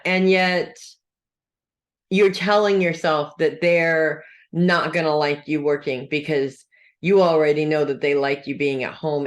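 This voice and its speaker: An astrologer reading weekly horoscopes in a casual, chatty way, checking in with listeners and dropping dry sarcastic asides. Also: mid-range voice.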